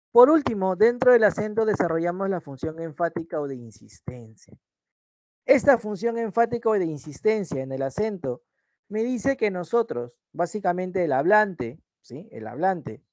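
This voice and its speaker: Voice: mid-range voice, a little mellow, dry recording. A teacher giving an online language lesson over a video call, explaining step by step and often checking in with short tag questions.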